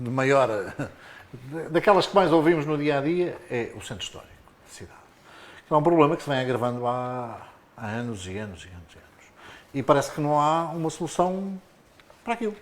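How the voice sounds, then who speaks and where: A man's voice: medium pitch, lively intonation, moderate pace. Portuguese man asking interview questions. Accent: European Portuguese. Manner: brief prompting questions. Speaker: radio interviewer. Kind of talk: local radio interview.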